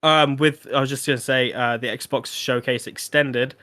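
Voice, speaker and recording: A man's voice: medium pitch, steady tone, normal speed, sharp tone. Rambling man in casual chat. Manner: rambling, lots of fillers and restarts. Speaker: podcast panelist.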